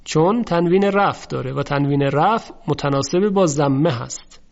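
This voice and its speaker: A man gives a step-by-step lesson on reciting the Quran. He poses questions and answers them himself, slowing down whenever he recites a verse. His voice sits a little high, and the recording sounds dull and lo-fi. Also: vocal fry. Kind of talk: tajweed lesson, explaining and reciting.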